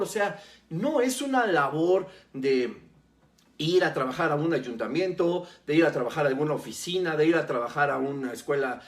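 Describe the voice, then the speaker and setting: A man preaching a sermon as a pastor, teaching earnestly and speaking straight to the listener. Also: on the high side. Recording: roomy echo.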